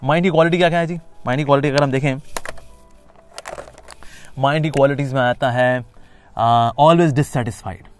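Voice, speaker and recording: A man teaching a spiritual course, mixing Hindi and English, lively and explanatory, sometimes acting out inner voices with sing-song repetition. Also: mid-range voice, moderate pace, long pauses, smooth, faint music behind. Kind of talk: Gita lecture.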